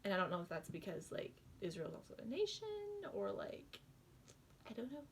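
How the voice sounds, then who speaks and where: A woman's voice: lowish voice, wildly swooping pitch, moderate pace, slight background noise. A young woman reading the Bible aloud with rambling, giggly asides and stumbles on hard names. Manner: rambling, giggly asides full of likes and ums.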